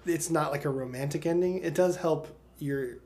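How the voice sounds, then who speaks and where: A man co-hosting a podcast, chiming in with quick playful remarks. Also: a little high, crowd noise. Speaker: podcast co-host. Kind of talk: casual chat.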